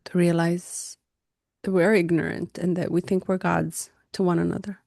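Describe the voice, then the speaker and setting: A woman co-hosting a reflective spiritual podcast, speaking English as a second language, passionate and animated, laughing often. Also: lowish voice, normal speed, vocal fry, no echo, clean studio sound. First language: not English. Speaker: podcast co-host. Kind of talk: casual reflective conversation.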